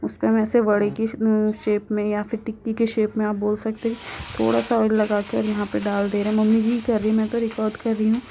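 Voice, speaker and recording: A woman's voice: medium pitch, completely flat delivery, brisk, creaky, warm tone, a little hiss or hum. A young woman narrating her family vlog in a casual, chatty way. She often repeats herself and laughs lightly as she talks. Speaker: family vlogger.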